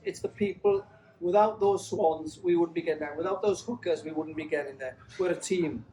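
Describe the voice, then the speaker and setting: High-pitched guy rallying his riding team, upbeat coach-style talk. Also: rough recording. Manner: rousing, coach-like. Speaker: ride leader. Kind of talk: motivational team briefing.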